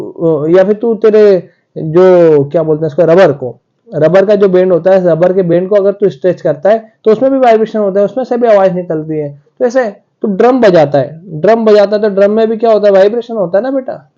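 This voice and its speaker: High-voiced, dark-toned physics teacher. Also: male voice, moderate pace, muffled recording. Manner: talks to students directly, acting out their questions. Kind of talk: classroom lecture.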